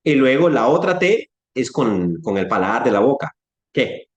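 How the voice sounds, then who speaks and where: With a Latin American Spanish accent, a man teaches an informal Bible class conversationally, questioning his listeners and acting out sounds. His mid-range voice swings widely in pitch at a normal speed, and the audio is dull with room echo.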